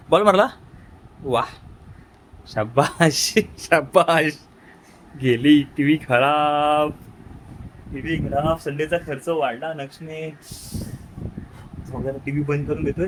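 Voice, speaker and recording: A young man in a casual family vlog, teasing his child playfully and dropping to quiet asides for the camera. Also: a little high, noisy background. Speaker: vlogger.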